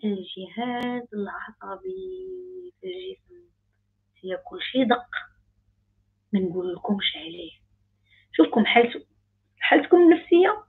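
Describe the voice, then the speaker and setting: Moroccan woman coach, rapid emphatic delivery, husky voice, phone-quality sound. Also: a little high. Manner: emphatic, repetitive, rising intensity. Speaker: life coach. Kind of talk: animated online talk.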